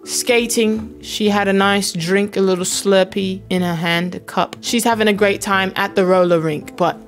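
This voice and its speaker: A woman's voice: medium pitch, steady tone, moderate pace, soft background music. A woman hosting her own channel, giving playful, joking commentary over basketball footage and slipping into mock slang. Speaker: host analyzing basketball footage.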